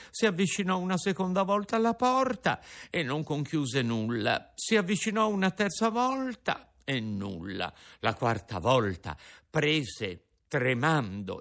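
A man narrating a storybook in an expressive, animated way. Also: mid-range voice.

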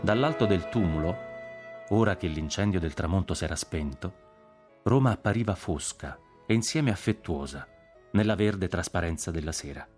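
A man narrating a literary audiobook in a measured, expressive reading. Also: deep voice, over music.

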